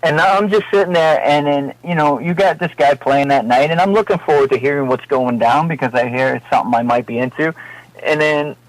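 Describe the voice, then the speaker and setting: A man's voice: on the high side, fairly quick, no room sound, low-quality recording. A man with a Massachusetts accent, a heavy metal singer talking as a guest in a casual radio interview, rambling and laughing between phrases.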